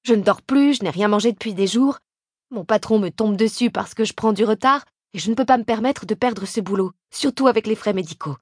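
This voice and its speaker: A woman's voice: mid-range voice, fairly quick, darkish tone, no echo, studio quality, natural voice. A woman reading the lines of a worn-out, guilt-ridden young man in an audiobook, with tense, apologetic pleading. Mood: weary, pleading. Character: guilty, worn-out young man leaving his sick wife.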